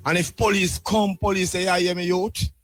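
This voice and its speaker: Higher-voiced Jamaican man, rasta speech. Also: level tone, moderate pace. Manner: rasta speech, with devotional greetings and repeated tags.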